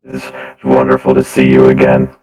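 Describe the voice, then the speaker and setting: A monotone robot lord posing as a human noble. The voice sits extremely low and barely moves in pitch, with stiff, halting courtesy. It is played in a tabletop roleplay game. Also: male voice, low-quality recording. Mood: stiffly courteous. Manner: courtly, hesitant, halting speech. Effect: flat robotic voice.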